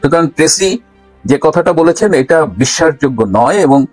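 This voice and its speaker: A man's voice: fairly high pitch, brisk, dry recording, soft background music, rough recording. A man giving political news commentary, arguing point by point and posing pointed questions, with frequent hesitations.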